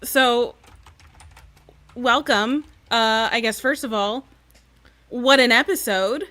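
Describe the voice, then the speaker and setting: A young adult woman co-hosting a casual live podcast, excitable and chatty. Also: on the high side, slow pace. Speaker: podcast co-host. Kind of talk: casual live-stream chat.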